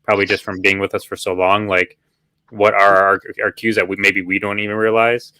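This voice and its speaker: A man's voice: on the low side, level tone, brisk, bright, forceful tone, no room sound. A man who owns a dog, answering in a casual conversation with short agreeing replies. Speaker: guest, dog owner.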